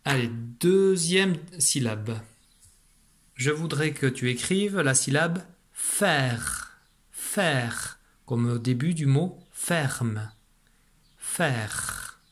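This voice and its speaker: A man teaching a remote lesson to young children, patient and slow, repeating syllables for a dictation. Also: mid-range voice, lively intonation. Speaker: primary school teacher.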